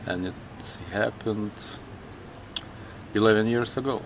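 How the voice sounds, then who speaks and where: Slow-spoken Lithuanian-accented man, noisy backdrop. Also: fairly low pitch, vocal fry. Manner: slow, halting, with many restarts. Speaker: interviewee. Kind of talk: personal interview.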